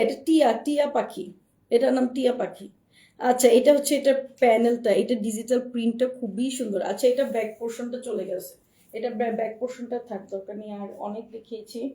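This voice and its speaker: Hoarse, high-voiced woman selling dresses live. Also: fairly even intonation, quick pace, mellow. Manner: chatty, addresses viewers directly, repeats herself. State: hoarse from a cold. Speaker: online clothing seller. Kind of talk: live-stream product showcase. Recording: roomy echo, voice far from the mic.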